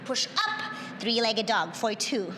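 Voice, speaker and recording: A yoga instructor whose native language is Tagalog leads a class, cueing breaths in a very animated, upbeat way with frequent cheers. Her voice is on the high side and slow, heard in a roomy space with a long reverb tail and a noisy background.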